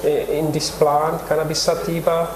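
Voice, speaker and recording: An older man with a Czech accent, a researcher explaining his work haltingly, with many pauses, in a TV studio interview. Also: a little high, completely flat delivery. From Czech Republic. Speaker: cannabis researcher guest. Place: TV studio set. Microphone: lapel mic. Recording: roomy studio with background noise.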